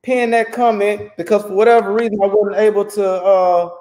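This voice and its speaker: A man hosting a casual livestream interview, animated and repeating his words as he hypes the audience. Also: high voice, normal speed. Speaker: host. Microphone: phone.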